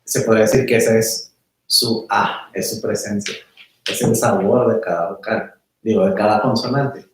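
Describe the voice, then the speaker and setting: A man's voice: lowish voice, a little slow, slight background noise. Male teacher, casual class talk, checks in with students, distant mic in a very reverberant room. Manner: relaxed, conversational, asks the class questions. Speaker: meditation teacher. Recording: very echoey room, mic far off.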